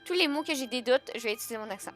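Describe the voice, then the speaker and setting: A young woman with a Québécois French accent chats on a live stream, joking and answering her viewers. Her voice sits a little high, and she keeps the talk loose and teasing. Faint music plays behind her. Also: lively intonation, racing, a bit bright. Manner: joking, chatty, laughs often, answers chat. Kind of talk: casual live-stream chat.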